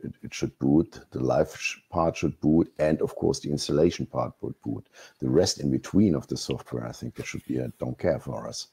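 A man with a very low, dark voice talks on a video call. He speaks haltingly, restarting and repeating words as he thinks, with a somewhat husky tone. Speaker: community board member. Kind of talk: casual meeting discussion.

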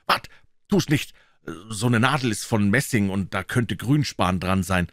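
A man's voice: normal speed, no room sound, clean studio sound, natural voice. A man voicing a bold, clever boy in an audiobook, speaking in a raised, urgent voice. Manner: urgent, lively, raised pitch.

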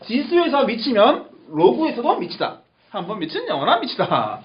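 A man's voice: very high voice, huge pitch swings, fairly quick. A man teaching a math lesson, repeating key terms emphatically and checking that the class understands. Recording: echoey lo-fi classroom recording with faint hiss.

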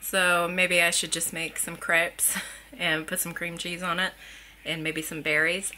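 A woman in her thirties chatting casually while filming herself in her kitchen, thinking out loud as she goes. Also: on the low side, level tone, unhurried, a little hiss or hum. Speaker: family vlogger. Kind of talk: casual vlog chat. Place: home kitchen. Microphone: handheld camera at arm's length.

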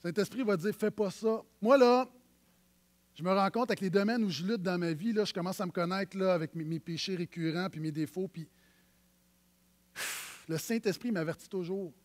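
Quebec french pastor preaching, high-pitched guy, chatty, goes loud then drops quiet. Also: moderate pace, pauses often. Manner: animated, conversational preaching that swings from loud to hushed. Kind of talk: sermon.

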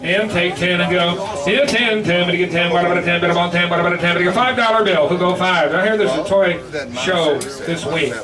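A man's voice: sits high, brisk. An American man working as an auctioneer, chanting bids in a repetitive, rhythmic patter of numbers. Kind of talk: auctioneer's rapid bid-calling chant. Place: crowded indoor toy auction in a wood-framed hall. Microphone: picked up by a camera at a distance. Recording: distant, echoey, busy crowd around.

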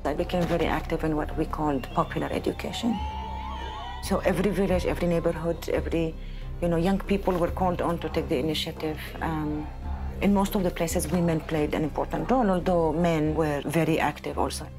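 A woman's voice: low-pitched, fairly even intonation, brisk, music in the background. A woman, recalling her own experiences in a documentary interview. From Palestinian territories. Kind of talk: documentary interview, personal recollection.

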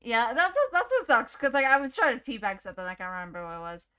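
A woman's voice: a little high, wildly swooping pitch, fast, bright, forceful tone, clean tone. A woman giving casual let's-play commentary, jumpy and chatty, laughing often and talking to the game as she plays. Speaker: gaming YouTuber.

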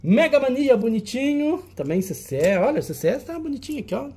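A man's voice: very high-pitched, big pitch swings, a little fast, darkish tone. A man hosting a retro game auction, showing old cartridges in casual, teasing banter. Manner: chatty, teasing, jokey banter with a helper.

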